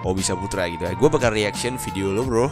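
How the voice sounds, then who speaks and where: Young Acehnese man hosting a playful, slangy reaction vlog, low-pitched, over background music. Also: fast. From Aceh, Indonesia. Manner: playful, joking, slangy, chuckles often. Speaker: YouTuber reacting to videos. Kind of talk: casual reaction commentary.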